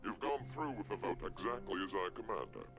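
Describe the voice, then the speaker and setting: A man playing a masked mastermind villain in a video game, speaking with slow, theatrical, ceremonious menace. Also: fairly low pitch, lively intonation, loud music behind the voice. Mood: cold, commanding.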